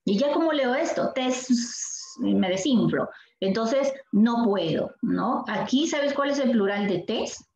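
A woman's voice: a little high, expressive, darkish tone. Peruvian woman teacher drilling spelling rules. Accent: Peruvian Spanish. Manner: questioning, repeats words slowly to drill the class. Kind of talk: language lesson. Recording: echoey room, dull sound, faint noise.

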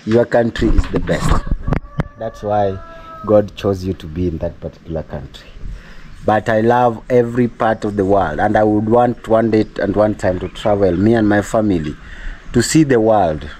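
A man's voice: lowish voice, moderate pace, a little hiss or hum. Chatty Kenyan man vlogging. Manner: chatty, repeats words, thanks donors warmly. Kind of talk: casual vlog talk.

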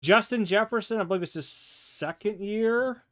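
A man's voice: high voice, normal speed. A man casually showing off trading cards from his mail at a home desk, chatty and thinking aloud. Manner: relaxed, chatty, thinks aloud and self-corrects. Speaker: sports card collector showing mail. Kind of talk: casual show-and-tell vlog. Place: home desk with card displays, indoors.

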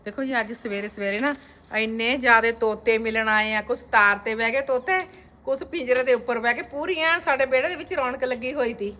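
In a casual vlog from her family home with a courtyard, a woman talks directly to her viewers. She speaks fairly quickly in a slightly high, sharp voice.

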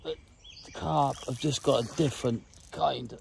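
Speaking at a measured pace in a steady, mid-range voice, a man in his thirties offers chatty fishing commentary in short bursts. He's an angler presenting a fishing guide as a casual vlog from a wooded lake bank, and the outdoor recording carries clear nature noise.

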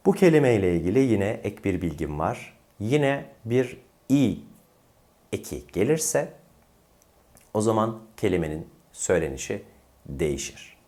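Male diction coach, low voice with a wide swinging pitch, careful deliberate demonstrations. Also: big pitch swings, dark tone. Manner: slow, deliberate demonstration of pronunciations. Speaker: diction teacher. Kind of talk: diction lesson.

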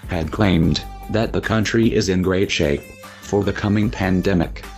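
A man reading a scripted anonymous statement in a disguised deep voice, pitched down by a voice changer, with a steady, grave, accusing delivery. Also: unhurried, faint music behind. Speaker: anonymous narrator.

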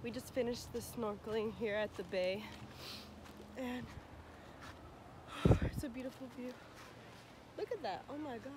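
A woman's voice: fairly high pitch, measured pace, long pauses, very noisy. A young woman vlogging on a trip, chatty and laughing, out of breath at times, filming herself outdoors by the water. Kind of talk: casual travel vlog. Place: outdoors at a bay.

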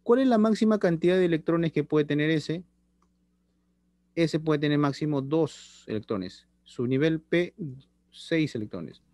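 With a warm, fairly high voice and lively intonation, a middle-aged man speaks a little slowly as he teaches a chemistry class by video call. He sits in a small indoor room using his laptop webcam, repeating phrases and checking in with students, and the sound is clean, studio-like and echo-free.

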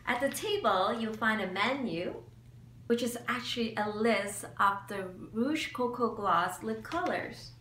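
A cheerful young woman presents a beauty vlog in upbeat scripted narration, filmed against a plain wall in a small room. Her voice is on the high side, fairly bright, with lively intonation and an unhurried pace. The mic is set back, so she sounds far away in an echoey room with a faint hum.

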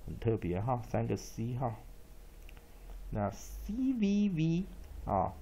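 A man with a gravelly, husky voice teaches spelling. He talks slowly and draws words out, and his pitch moves a lot as he repeats them. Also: mellow. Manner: slow, drawn-out repetition of words and letters. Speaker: English teacher. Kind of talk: spelling and pronunciation lesson.

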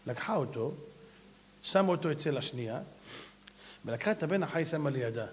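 A man, a rabbi, giving an animated, exhorting sermon and telling stories. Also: fairly high pitch, slight background noise. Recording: long hall reverb.

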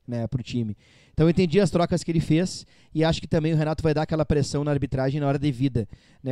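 Fast-talking gaúcho fan-channel host. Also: male voice, fairly high pitch, dark tone, dry recording. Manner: chatty, opinionated, tag questions. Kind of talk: live football post-match talk.

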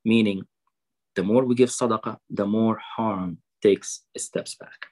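A man giving a fundraising sermon over a video call. He quotes Arabic sayings, then translates and explains them slowly. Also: on the low side, fairly even intonation, darkish tone, low-quality recording. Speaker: preacher at a fundraiser.

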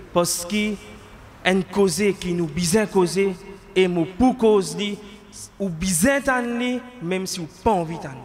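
A man's voice: high-pitched, in a large hall, a little hiss or hum. A man in his thirties with a Mauritian Creole accent, preaching a Friday sermon in a mosque at a stand mic. He asks rhetorical questions with passion and shifts into Arabic recitation. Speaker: imam. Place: mosque prayer hall, indoors. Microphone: stand mic close to mouth.

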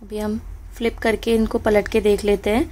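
Hosting a home cooking channel, a woman talks listeners through a recipe step by step at her kitchen stove, friendly and instructive. Her medium-pitched, somewhat dark voice is flat in delivery and moderately paced.

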